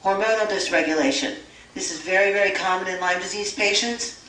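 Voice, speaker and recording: A woman's voice: mid-range voice, brisk, a bit bright. A woman, a naturopathic doctor, giving a lecture to an audience and reading through lists steadily, with a few stumbles and self-corrections. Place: store event room. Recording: echoey room, voice far from mic, faint hiss.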